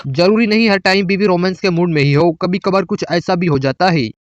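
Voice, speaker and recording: A man's voice: high-pitched, brisk, dull audio, slight background noise. A man giving teasing, wry voice-over commentary on funny clips. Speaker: compilation narrator.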